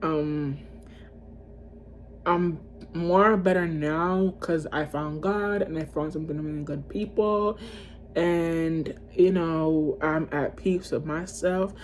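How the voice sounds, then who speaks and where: Slow-talking chatty woman vlogger. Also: sits low, steady tone, a little hiss or hum. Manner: chatty, emotional, addresses viewers as y'all. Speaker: music vlogger ranking albums. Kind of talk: casual chat to camera.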